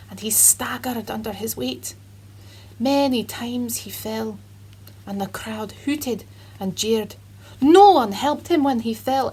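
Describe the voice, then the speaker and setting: A woman voicing a cheerful Scottish man who tells a Bible story to children in an earnest, dramatic way, with a husky voice and a put-on Scottish accent. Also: on the high side, slight background noise, rough recording.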